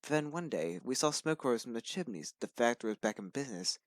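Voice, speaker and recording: A man's voice: mid-range voice, lively intonation, a little fast, no echo. A young man reading a story aloud to friends on a phone call, hammy and playful.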